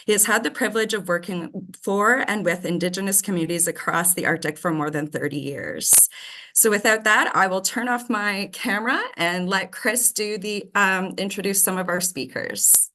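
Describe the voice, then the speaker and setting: A woman introducing a webinar panel over a video call in a brisk, formal way. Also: mid-range voice, sharp tone, poor audio. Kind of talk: introducing a speaker.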